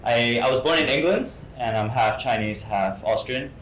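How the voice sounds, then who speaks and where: In a mid-range, fairly bright male voice at a normal speed, a young Hong Kong guest actor fields interview questions in a relaxed way. Words get repeated and sentences restarted often. There's a roomy sound and faint background noise.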